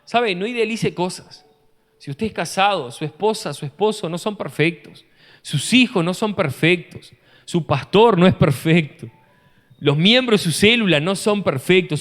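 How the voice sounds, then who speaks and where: A man, a pastor preaching an animated sermon full of rhetorical questions, recorded in a church hall. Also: high voice. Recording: long church-hall reverb.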